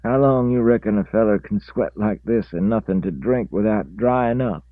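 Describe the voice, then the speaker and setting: A man voicing a rambling old drifter with a drawl, pitched up high above his own voice and hollering. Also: normal speed, dry recording, narrow, tinny audio, natural voice. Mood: parched.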